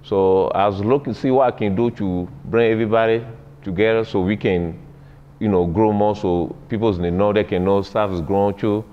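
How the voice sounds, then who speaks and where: A young adult man, a business owner, talking informally and haltingly about starting a festival, seated in a community center room. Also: on the low side, fairly even intonation. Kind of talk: casual talk. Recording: dull echoey hall recording.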